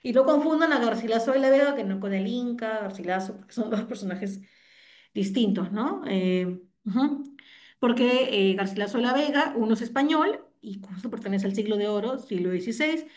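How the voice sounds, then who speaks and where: A woman's voice: fairly high pitch, animated, moderate pace, a little mellow. Woman teacher explaining online. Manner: explanatory, frequent tag questions. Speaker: literature teacher.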